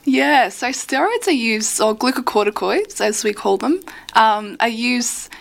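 A woman, a PhD researcher, explaining things clearly as a guest in a radio studio interview. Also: on the high side, lively intonation, measured pace.

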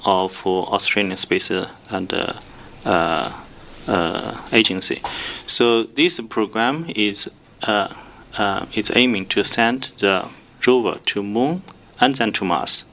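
This is a man giving interview answers as an academic guest. His voice is fairly low with noticeable fry and a forceful, bright tone. He speaks haltingly and carefully, searching for words. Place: radio studio.

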